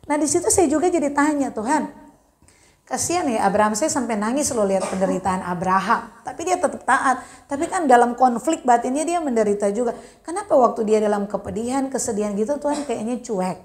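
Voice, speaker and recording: A woman pastor preaches in a church, her voice sitting high. She tells the story with animated, acted-out voices, rising and falling in wide swings. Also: a little fast. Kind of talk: sermon.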